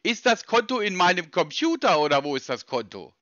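Man doing a confused caller, high lively voice, bright tone, dry dull phone sound. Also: fairly quick, no echo, full character voice. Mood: stubbornly puzzled. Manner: feigns confusion, stubborn repeated questions. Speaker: scam-baiting caller. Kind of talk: prank call, playing dumb.

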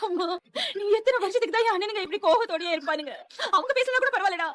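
A woman's voice: extremely high pitch, lively intonation, quick pace. An actress playing a grown daughter who is crying and pleading over her mother in a TV serial. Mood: tearful. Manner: sobbing, pleading. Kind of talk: TV serial acting.

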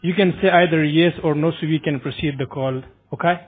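A man's voice: on the high side, fairly even intonation, fairly quick, husky, soft background music. Narrow phone-band young male call agent. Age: young adult. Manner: polite, insistent, repetitive. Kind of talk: semi-scripted telemarketing phone call. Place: small indoor office. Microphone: headset microphone.

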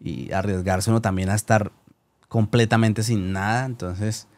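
A man's voice: on the low side, steady tone, moderate pace, a little mellow, no echo. A man hosting a casual interview, asking follow-up questions and backing his guest with short replies. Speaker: interview host. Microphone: studio microphone.

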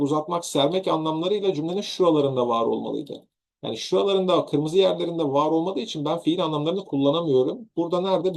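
A Turkish man teaches English grammar to exam students in a video lesson. His voice sits a little high with a gravelly edge. He works slowly through examples, repeating and rephrasing them.

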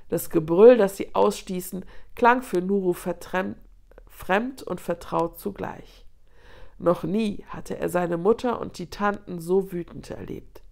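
A woman reading a children's storybook aloud in an expressive, dramatic way. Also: fairly low pitch, vocal fry. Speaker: children's book reader.

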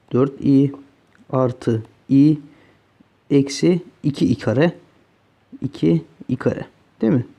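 A man's voice: medium pitch, mellow. A man teaching math, working through exam problems step by step and often checking in with the students. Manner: talks through each step, asking "öyle değil mi arkadaşlar". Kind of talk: solving exam questions on a board.

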